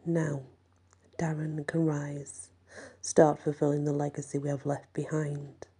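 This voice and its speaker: Brief: menacing sorcerer, a woman puts him on, slow, very dark husky tone. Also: deep voice, little pitch movement, exaggerated voice. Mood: gloating. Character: evil male sorcerer, gloating.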